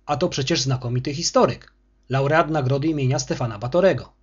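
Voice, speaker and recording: A man's voice: mid-range voice, a little fast, husky, muffled recording, close to an everyday voice. A man voicing a bullying, arrogant male school superintendent who scolds harshly. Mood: bitter.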